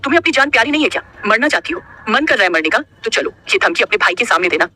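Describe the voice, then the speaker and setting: A man playing an angry young bodyguard in a spoken love story, scolding with a bright, sharp edge. His words tumble out fast and heated. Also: high-pitched.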